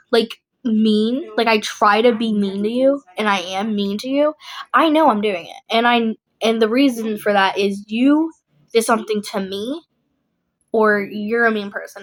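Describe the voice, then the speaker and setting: A woman's voice: fairly high pitch, rough recording. A young adult woman vlogging in a casual, rambling chat, blunt and emphatic, often repeating herself.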